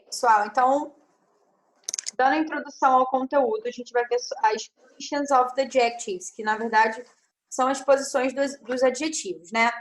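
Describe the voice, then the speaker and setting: A woman with a high voice teaches an online class through her computer mic. She explains step by step and keeps asking her students if they are following. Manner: explains step by step, checks in with frequent tag questions. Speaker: English teacher.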